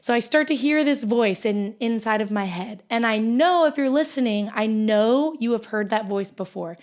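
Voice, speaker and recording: A young woman in her twenties hosts a solo podcast, speaking in a slightly high voice. She tells her story in a loose, chatty way, full of ums and likes. It sounds like someone recording at home for listeners who also watch on video. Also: normal speed, darkish tone. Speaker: podcast host.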